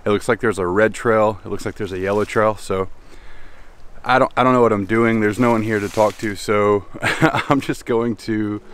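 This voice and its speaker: A man's voice: fairly low pitch, fairly even intonation, normal speed, a bit bright. A man in his thirties vlogging alone outdoors, talking to himself in a reflective, hesitant way, with the camera held at arm's length. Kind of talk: casual solo vlog narration. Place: outdoors in a forest by a stream.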